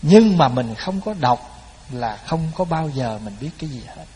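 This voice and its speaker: Man, monk, sermon, somewhat high voice, long hall reverb. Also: lively intonation, measured pace, warm tone, slight background noise. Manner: folksy storytelling, addresses listeners directly, chants verses. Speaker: Buddhist monk giving a dharma talk.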